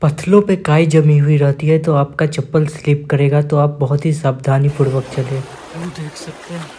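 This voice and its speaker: A travel vlogger with a fairly high male voice leads viewers on a walking tour through a rocky cave gorge, chatting to them as he moves past a rushing stream and waterfall. His flat voice sits beneath the loud roar of water, and there's a slight hiss or hum.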